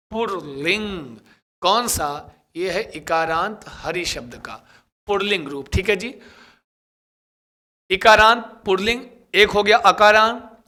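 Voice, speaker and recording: A man's voice: high-pitched, pushed and bright. A middle-aged male teacher, coaxing students through chanted Sanskrit word forms in an exam coaching lesson. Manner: drills aloud, coaxing call-and-response, chanting word forms.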